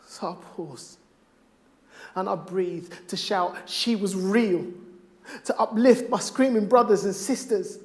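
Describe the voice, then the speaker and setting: A middle-aged father speaking on stage, performing spoken word poetry with a rhythmic, rhymed delivery that swings from hushed to loud. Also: high-pitched, unhurried.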